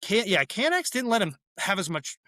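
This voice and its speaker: Male guest, former DJ turned brewer; bright, forward tone, loose self-correcting delivery, dry room. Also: high voice, big pitch swings, dry recording. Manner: rambling, self-correcting, quick laughs. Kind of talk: casual interview chat.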